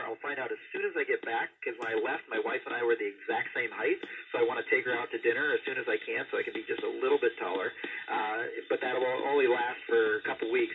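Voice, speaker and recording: A man's voice: mid-range voice, narrow, tinny audio. Middle-aged man over a static-filled radio link. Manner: easygoing, explains plainly, pauses on "uh", ends each answer with "Over". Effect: radio transmission with static. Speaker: astronaut answering questions from students. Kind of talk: answering questions over ham radio. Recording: distant radio downlink with static hiss.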